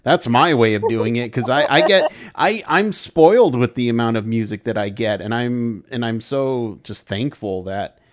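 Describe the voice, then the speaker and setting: A man's voice: mid-range voice, animated, moderate pace, hardly any pauses. Effusive man hosting a casual podcast. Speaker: podcast host, interviewer. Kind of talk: casual interview chat.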